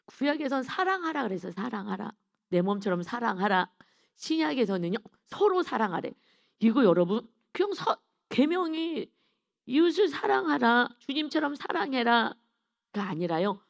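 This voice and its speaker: A woman's voice: on the high side, gravelly. A middle-aged woman preacher giving a dawn sermon, telling a personal testimony in an earnest, emotional way and often turning to speak straight to the congregation. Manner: earnest, emotional storytelling with rhetorical asides to the congregation.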